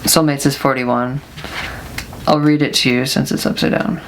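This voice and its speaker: A woman's voice: extremely low pitch, steady tone, normal speed, slight background noise, low-quality recording. A woman fortune teller giving a casual, chatty tarot card reading, offering encouraging advice with little affirming mm-hmms.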